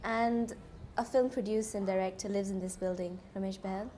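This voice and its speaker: A young woman from Hong Kong, a film actress, answering interview questions in short, soft replies with frequent giggles. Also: medium pitch, fairly even intonation, moderate pace, slight background noise. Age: young adult.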